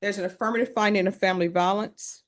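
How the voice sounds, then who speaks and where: A woman judge presiding in a courtroom, running through formal legal admonishments in a brisk, practiced way. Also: mid-range voice, steady tone. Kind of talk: courtroom proceedings.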